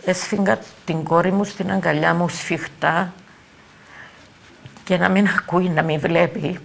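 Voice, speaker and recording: An older woman with a Cypriot Greek accent giving halting eyewitness testimony, repeating words and phrases as she talks. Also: lowish voice, steady tone, vocal fry. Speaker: eyewitness interviewee.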